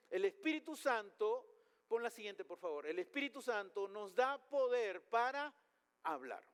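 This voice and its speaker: A male pastor preaching a sermon in a high voice that rises and falls with animated swings. He speaks emphatically and poses rhetorical questions. The sound carries the long reverb of a church hall.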